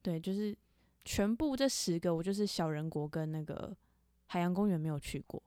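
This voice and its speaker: A young woman with a Taiwanese Mandarin accent co-hosting a casual chat, talkative and quick to laugh. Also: on the low side, dark tone, clean tone, dry recording, studio quality. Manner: chatty, laughs often, many fillers. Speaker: podcast co-host.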